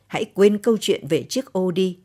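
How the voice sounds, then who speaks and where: A woman's voice: on the low side, normal speed, warm tone, close to an everyday voice. A bitter, wounded young woman, read by a narrator.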